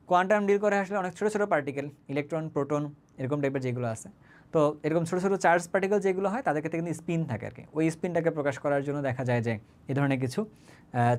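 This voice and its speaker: A male chemistry teacher, giving an online class lecture in a chatty way, mixing in English words and checking in with his students. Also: on the high side. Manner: conversational, often checks understanding with quick tag questions.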